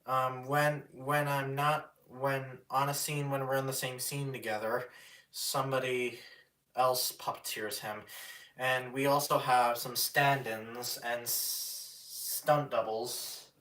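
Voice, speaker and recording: A man chatting casually on a live stream, halting and restarting often as he talks about his puppets. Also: mid-range voice, flat delivery, sharp tone. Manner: halting, many restarts and fillers. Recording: roomy echo, mic at a distance.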